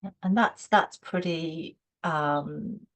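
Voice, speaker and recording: A woman's voice: low-pitched, slow. A woman hosting a podcast, responding to her guest in a reflective, affirming way with casual fillers. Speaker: podcast host. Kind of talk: casual conversation.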